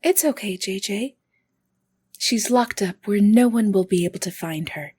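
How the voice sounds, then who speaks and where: A woman voicing a possessed woman who speaks with unsettling, sing-song calm. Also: medium pitch, moderate pace, breathy edge, lightly acted. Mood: sinister sweet. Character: possessed woman, eerily sweet, sinister.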